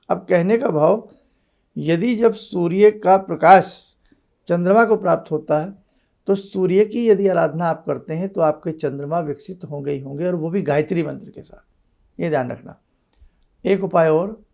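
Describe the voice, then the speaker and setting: A man's voice: on the high side, creaky, a little mellow. A man, an astrologer and spiritual teacher, giving devotional teaching with remedies and addressing his listeners as seekers in an instructive, repetitive way.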